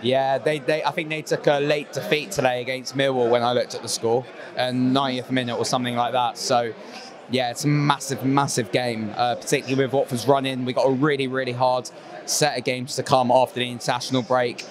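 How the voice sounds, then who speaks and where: A man's voice: medium pitch, level tone, a little fast. Male guest with a middling voice building long arguments; chatter of a crowd in the background. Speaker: football pundit guest. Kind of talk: casual football chat. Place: small studio set with a painted wall backdrop. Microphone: handheld mic.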